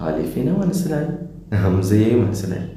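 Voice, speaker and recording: Slow, patient man teaching in an echoey room. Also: on the low side, animated, warm tone, slight background noise. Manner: patient, asks questions and answers them himself. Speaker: Arabic letters teacher for children. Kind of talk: children's lesson.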